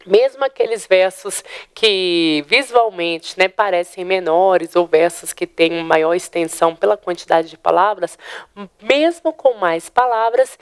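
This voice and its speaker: Brazilian female teacher, patient explainer, smooth resonant tone, close and dry. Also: medium pitch, dry recording. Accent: Brazilian Portuguese. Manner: explains step by step with frequent "né?" check-ins; counts syllables aloud slowly. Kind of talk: online exam-prep lesson.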